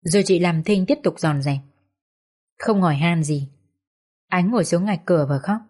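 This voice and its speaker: A woman reading a social drama story aloud in a calm, measured way. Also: lowish voice. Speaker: story reader. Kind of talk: audiobook narration.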